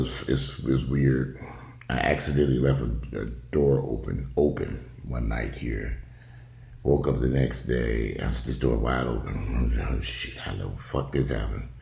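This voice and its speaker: A man's voice: rumbling low, gravelly, dark tone, reverberant. A man giving casual, opinionated video commentary at home, talking in a blunt, profane, rambling way. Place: indoors at home.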